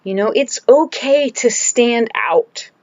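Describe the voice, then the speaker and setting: A woman's voice: on the high side, expressive, slow, a little mellow, no echo, muffled recording. A woman talking candidly into the camera from home in a casual video diary, emphatic and searching for words as she goes. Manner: candid and emphatic, restarts and trails off. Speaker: vlogger.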